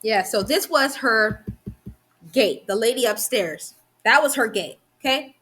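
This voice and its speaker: A young woman with a slightly high, sharply bright voice vents to the camera. Her talk is heated and full of profanity. Sentences run on and restart as her thoughts race ahead of her words. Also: lively intonation, measured pace, breathy edge. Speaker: vlogger. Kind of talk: angry venting monologue.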